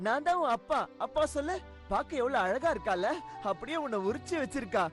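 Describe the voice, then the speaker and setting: A woman voicing an excitable young cartoon father who fusses and scolds. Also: high voice, a little fast. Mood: doting. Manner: fussy, scolding. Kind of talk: animated cartoon dub acting. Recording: faint background music.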